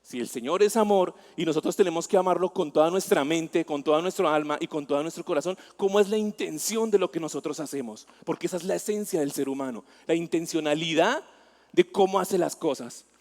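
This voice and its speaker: Colombian preacher with a fairly high voice. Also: male voice, fairly quick, a little mellow. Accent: Colombian Spanish, Bogotá. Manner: conversational preaching, asks the congregation questions and tells personal stories. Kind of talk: sermon. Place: church hall. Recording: long church-hall reverb.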